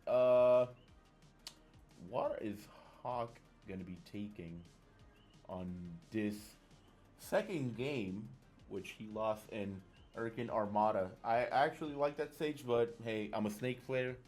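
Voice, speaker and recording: With faint music behind him, an esports commentator and tournament organizer gives casual live commentary on a fighting game tournament. His mid-range, darkish voice moves slowly, and his chatty, rambling talk trails off and restarts.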